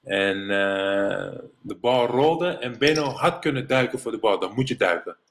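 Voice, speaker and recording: A middle-aged man from the Netherlands, a former professional basketball player, telling animated anecdotes as an interview guest. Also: mid-range voice, measured pace, slight background noise. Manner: animated anecdotes, mimics others in English quotes. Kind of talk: casual storytelling interview.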